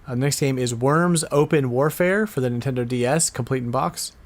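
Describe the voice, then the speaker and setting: Talking fairly quickly in a mid-range voice, a man co-hosts a casual podcast on retro games. His chat is playful, broken up by bits of mock-exasperated muttering to himself.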